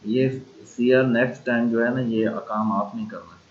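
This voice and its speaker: A man with a Pakistani accent teaching an online language class, slowly drilling and repeating sounds. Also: medium pitch, fairly even intonation, dull audio, slight background noise. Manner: slow repeated drilling of tones.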